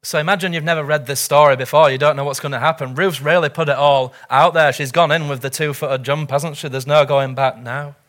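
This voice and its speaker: A man's voice: a little high, steady tone, fairly quick, few pauses, fairly bright tone. A middle-aged man preaching a sermon as pastor, earnest and urgent, full of rhetorical questions.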